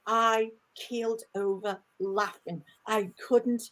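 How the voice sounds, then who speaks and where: A woman from Liverpool with a Liverpool accent softened by years in Canada, telling an animated story as a guest on a casual video call. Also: on the high side, takes it slowly, slight background noise. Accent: Liverpool (Scouse), softened by Canada. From Liverpool, England. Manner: animated storyteller, acts out voices.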